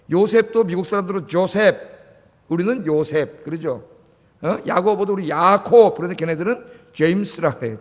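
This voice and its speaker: A male pastor preaching a sermon, telling the story with lively acted-out quotes. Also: high voice. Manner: animated storytelling, acts out quoted lines. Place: church sanctuary. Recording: reverberant church hall.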